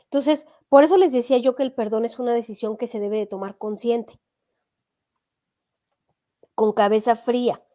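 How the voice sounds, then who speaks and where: A woman's voice: fairly high pitch, fairly even intonation, normal speed, long pauses, warm tone. Earnest woman giving advice. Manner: earnest, addresses listeners directly with rhetorical questions. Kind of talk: motivational talk on forgiveness.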